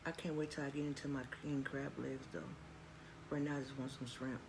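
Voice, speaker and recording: A woman's voice: very deep voice, little pitch movement, brisk. Woman, mukbang eating, folksy chat to viewers, savoring mmms between bites, noisy recording. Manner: talks between bites with appreciative mmm sounds; folksy, addresses viewers as y'all. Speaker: mukbang vlogger. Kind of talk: mukbang eating, chatting to viewers while eating seafood. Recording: clearly noisy background.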